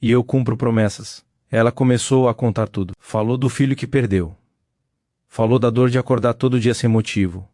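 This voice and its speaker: Man, solemn scripted narration, mid-pitched voice, dry close sound. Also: fairly quick, warm tone, dry recording.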